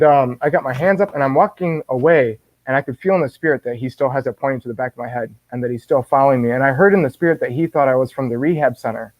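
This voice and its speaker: A man guest telling a personal faith story in an animated way, often restarting and repeating words. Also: mid-range voice, no echo. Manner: animated, acts out his own quoted words. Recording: dull dry lo-fi sound.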